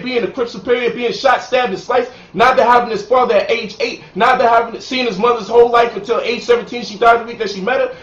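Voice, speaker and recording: A man from Brooklyn holds forth with emphatic, boastful, preacher-like cadence, his voice pitched high. He is caught from a distance in an echoey room on a dull, muffled recording. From Brooklyn, New York. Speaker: lecturer and author. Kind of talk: heated sit-down interview.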